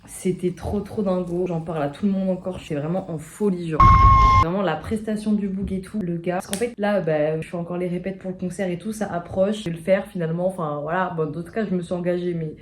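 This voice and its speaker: A young woman with a fairly low voice chats to her phone camera in a loose, slangy vlog. Her delivery swings from loud outbursts to quiet murmured asides. Noise hisses clearly behind her. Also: steady tone, brisk. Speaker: vlogger. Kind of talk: casual vlog chat.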